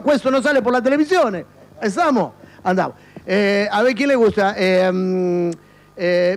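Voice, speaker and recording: A middle-aged man hosting a comic TV show, teasing his interviewees with mock outrage and holding a handheld mic indoors. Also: sits high. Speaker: comic TV host. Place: indoor studio and shops. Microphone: handheld microphone.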